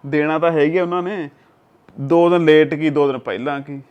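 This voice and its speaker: An actor playing a young village husband with a Punjabi accent, calmly advising his wife and quoting proverbs. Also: fairly high pitch, normal speed, clear, resonant tone, highs cut off, lightly acted. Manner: calm, coaxing, uses proverbs.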